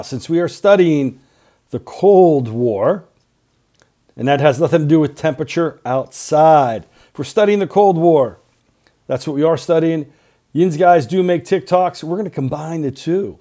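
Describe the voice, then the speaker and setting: Earnest reminders come in short, clipped phrases from a middle-aged teacher recording class announcements for his students' podcast. He has a dark-toned voice pitched fairly high.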